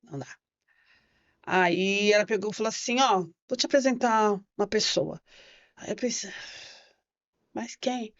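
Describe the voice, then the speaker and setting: A woman's voice: mid-range voice, unhurried, long pauses. A woman giving a personal testimony as a podcast guest, telling her story vividly and acting out the voices she quotes. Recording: slightly muffled podcast audio.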